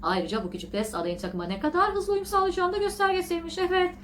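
A woman hosting a casual vlog, reading an article aloud and mocking it with sarcastic asides and shrill outbursts, laughing often. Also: sing-song, quick pace, fairly bright tone, slight background noise. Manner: laughs often while talking. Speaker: vlog host.

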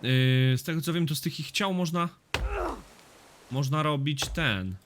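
A man giving casual let's-play commentary on a survival game, swearing freely and reacting loudly to what happens on screen. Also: fairly high pitch, measured pace, noisy background. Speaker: gaming YouTuber.

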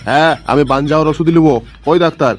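A man voicing a rude, hot-tempered rustic patient in a cartoon, rough and quarrelsome. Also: a little high, steady tone, fast talker, a little hiss or hum, natural voice. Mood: gruff. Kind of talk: cartoon voice acting.

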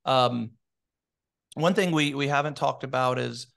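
A man co-hosting a business podcast in casual chat, giving steady advice with many ums and restarts. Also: medium pitch, measured pace, creaky. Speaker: podcast co-host.

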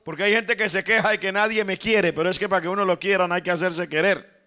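A man's voice: sits high, steady tone, quick pace, pushed and bright, clear, resonant tone. A man with a Colombian accent preaching a sermon, telling stories, acting out the quoted lines and often calling his listeners "brother". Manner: storytelling preacher, calls the congregation "hermano", acts out the quoted lines. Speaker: pastor.

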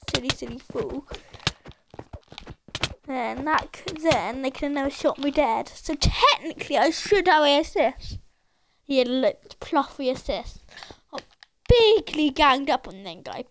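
A woman giving excitable, frantic commentary over a multiplayer game, often shouting and laughing. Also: sits high, measured pace, a little hiss or hum. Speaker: gaming video creator. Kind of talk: let's play commentary.

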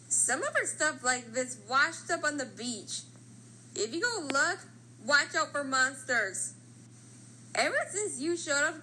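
Woman doing dramatic vain girly cartoon flower, high swoopy voice, bit of noise behind it. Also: bright, forceful tone, full character voice, rough recording. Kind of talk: cartoon character voice lines.

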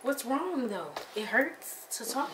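A woman's voice: sits high, sing-song, takes it slowly. A young woman in casual chat, teasing and questioning someone in a bedroom. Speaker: vlogger's partner. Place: bedroom at home. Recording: echoey room with background noise.

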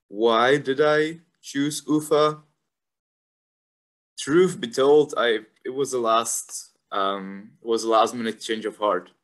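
A young man from the Republic, a university student talking casually and thoughtfully about his studies, with frequent fillers. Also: mid-range voice. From Czech Republic. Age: young adult. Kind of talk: casual informational talk.

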